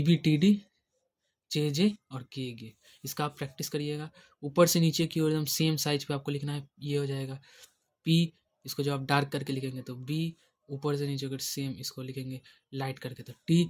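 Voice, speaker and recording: A man explaining a lesson at a mid-range pitch. He goes step by step, patient and repetitive. He keeps checking in with the student. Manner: patient and repetitive, often checking in with "thik hai". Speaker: shorthand teacher.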